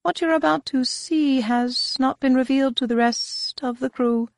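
Woman doing a hissing reptilian male security chief: raised pitch, slow, grave, storybook reading. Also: no echo, clean studio sound. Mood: guarded. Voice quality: sibilant.

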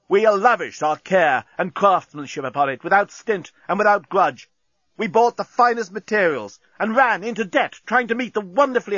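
A man's voice: high voice, no room sound, pitched above the performer's own voice. A man doing a furious shipbuilder boss. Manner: impassioned, declaiming over a loudspeaker. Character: indignant male shipbuilder leader, defiant. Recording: slightly dull, dry studio sound.

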